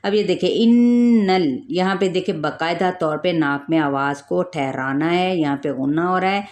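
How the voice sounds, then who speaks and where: A woman teaching Quran recitation rules, explaining each rule step by step and drawing out the recited words slowly. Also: low-pitched. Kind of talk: tajweed lesson, explaining then reciting.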